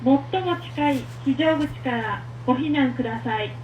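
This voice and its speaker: High-pitched lady on a building loudspeaker, far off and muffled, calm formal alarm message. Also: fairly quick, very noisy. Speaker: recorded alarm announcer. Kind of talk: recorded emergency announcement. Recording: echoey muffled loudspeaker heard from afar.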